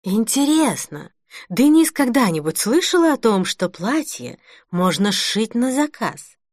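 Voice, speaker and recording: Brief: woman narrator as a weary young woman, grumbling, flat, deadpan answers. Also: fairly high pitch, unhurried, no echo, studio quality. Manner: flat, grumbling, muttered replies. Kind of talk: audiobook character reading.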